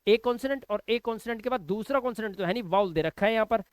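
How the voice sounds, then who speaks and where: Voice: mid-range voice, racing, smooth, no echo. An English pronunciation teacher giving an online video lesson, explaining rules step by step and asking and answering their own questions, and fondly addressing the learner as a child.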